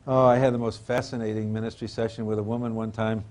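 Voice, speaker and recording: A man's voice: on the low side, level tone, fast, a little mellow. An older man giving an informal religious lecture in a rambling, professorial manner, trailing into asides and hesitant repetitions.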